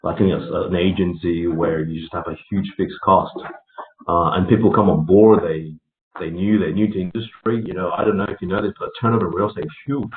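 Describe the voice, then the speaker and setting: A man's voice: sits low, steady tone, a little fast. A man hosting a casual business meeting over a group voice call. He talks in a chatty way, with many fillers and laughs between points. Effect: group voice call, heard over a conference line. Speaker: meeting host for a real estate network. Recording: tinny echoey call line with faint hiss.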